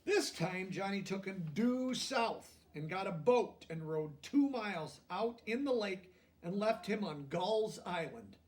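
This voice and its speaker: A high-voiced man reads a children's picture book aloud with expression, moving deliberately through the text. He breaks off now and then for softer asides that explain things in simple, plain words. He sounds distant, as though he's sitting well back from the microphone.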